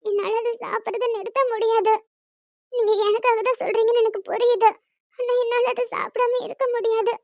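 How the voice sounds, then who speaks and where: A woman voicing a naive, timid young female college student in an animated story, talking in a hesitant, stammering, pleading way. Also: very high-pitched, brisk, no echo, highs cut off. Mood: troubled.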